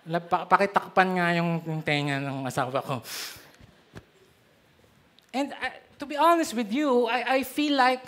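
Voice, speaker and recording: Middle-aged Filipino man, pastor; bright, animated storyteller in the pulpit. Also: extremely high pitch. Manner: animated storytelling, switching between Tagalog and English. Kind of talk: sermon.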